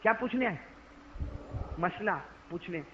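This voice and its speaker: A man preaching a storytelling sermon to a congregation, dramatic and speaking directly to his listeners, on a dull, slightly noisy recording. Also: high voice. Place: gathering before a congregation. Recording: dull lo-fi recording with faint noise.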